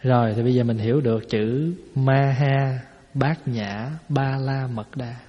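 A man's voice: mid-range voice, steady tone, a little slow. A man, a Buddhist monk giving a folksy dharma talk to a hall, explaining with rhetorical questions. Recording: echoey hall, dull lo-fi sound.

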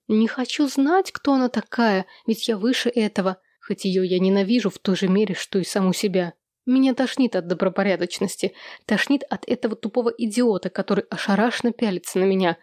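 A woman's voice: mid-range voice, a little mellow, dry recording, studio quality, close to an everyday voice. A woman reading an audiobook, voicing a bitter, defiant woman who speaks in a cutting, contemptuous way. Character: bitter, defiant woman, self-loathing and scornful.

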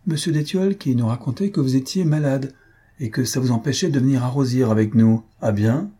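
Rôle : jeune marquise étourdie, lue par un homme, ton exclamatif et vif, timbre très voilé. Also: male voice, medium pitch, brisk, warm tone, husky, voice pushed up, close to an everyday voice. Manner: exclamatory, chattering. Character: young marquise, chatty and flighty.

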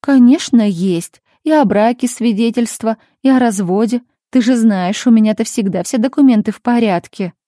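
A woman's voice: a little high, normal speed, few pauses, dark tone, dry recording, clean studio sound, lightly acted. A woman putting on a cold, touchy older mother. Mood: defensive. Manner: raised, indignant exclamations.

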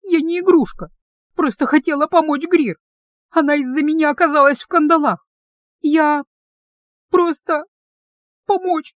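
A woman voicing a hot-tempered young female captive who shouts indignant threats in a raised, shrill voice. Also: animated, fairly quick, no room sound, studio quality, lightly acted. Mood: tearful.

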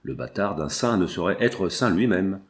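A man's voice: low-pitched, animated, moderate pace, voice pushed down. A man reading as a scornful tyrant prince. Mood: stern. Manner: stern, scornful. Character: harsh, domineering prince. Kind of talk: audiobook character reading.

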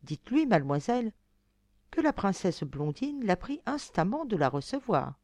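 A woman's voice: medium pitch, sing-song, normal speed, darkish tone, no room sound, clean studio sound. A woman voicing an earnest young fairy-tale princess who pleads with emotion. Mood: polite.

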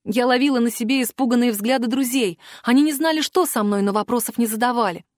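Expressive woman reading a fantasy audiobook. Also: fairly high pitch, fast talker, no room sound, studio quality. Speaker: audiobook narrator. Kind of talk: scripted first-person audiobook narration.

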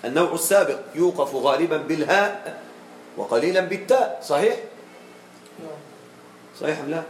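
A man teaching a grammar lesson to a class, checking with his students and slowing down to model each example. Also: a little high, animated, echoey room, slight background noise, low-quality recording.

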